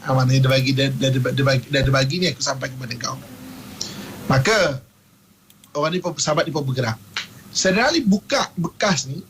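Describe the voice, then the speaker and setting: A man with a Malaysian Malay accent giving a radio religious talk, telling stories with lively acted-out quotes. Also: medium pitch, fairly quick, pauses often, a little hiss or hum, rough recording. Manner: animated storyteller, acts out quotes, laughs often.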